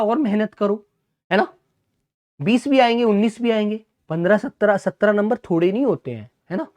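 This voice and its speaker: A high-voiced man leads an online exam-prep class on Hindi grammar. He addresses students as son and brother, asks them questions and supplies the answers himself.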